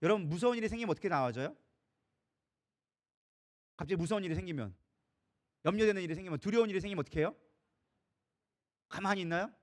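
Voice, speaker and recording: A middle-aged man preaching with quick, tumbling speech and a voice that sits high and swings widely. He asks the congregation questions and acts out the voices he quotes. The sound is a Sunday sermon in a church sanctuary. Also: animated. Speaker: co-senior pastor.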